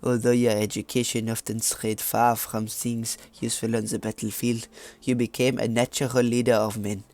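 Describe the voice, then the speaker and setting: A man's voice: mid-range voice, little pitch movement, normal speed, hardly any pauses, darkish tone, close to an everyday voice. A man putting on a mock French accent to read a game story. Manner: hammy, stumbling over words while reading aloud.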